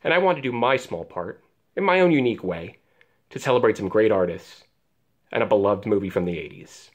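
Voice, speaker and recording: An American man with a fairly low voice hosts as a film lover would. He presents to viewers in a prepared, scripted way. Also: lively intonation, fairly quick. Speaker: host, filmmaker.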